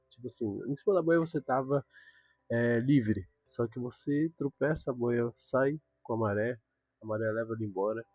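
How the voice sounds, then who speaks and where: A man's voice: medium pitch, darkish tone, dry recording. A young man giving an earnest devotional talk, repeating words for emphasis.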